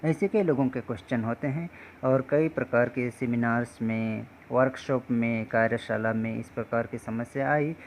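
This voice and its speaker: A man teaching English pronunciation rules in a slow, patient way, often calling his viewers friends. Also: medium pitch, steady tone, a little hiss or hum.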